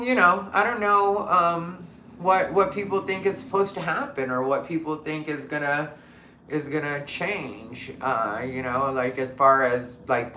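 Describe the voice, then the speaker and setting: A deep-voiced woman from Arizona, her tone a bit bright, chats casually on her livestream in a roomy-sounding space. As host, she reads through comments and fires off emphatic rhetorical questions, leaning heavily on fillers.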